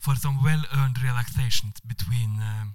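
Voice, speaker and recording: Give me a man playing a charming Spanish diplomat with a put-on Spanish accent, lavishing flattery in broken English. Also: medium pitch, natural voice. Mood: overjoyed. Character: suave Spanish male diplomat, flirtatious. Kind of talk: comedic story reading.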